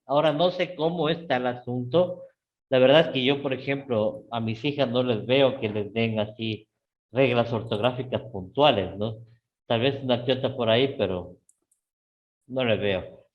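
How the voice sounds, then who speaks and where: A middle-aged man with an Ecuadorian Spanish accent teaching a live class, often checking in with his students and rising sharply in pitch on key words. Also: highs cut off. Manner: repeats "¿sí?" and "¿no es cierto?" to check on students; lively, with sudden rises in pitch.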